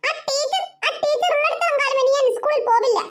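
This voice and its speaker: A woman's voice: extremely high pitch, fast talker. A woman voicing a stubborn little schoolgirl in a cartoon, whiny and sobbing as she talks. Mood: tearful. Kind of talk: cartoon voice acting.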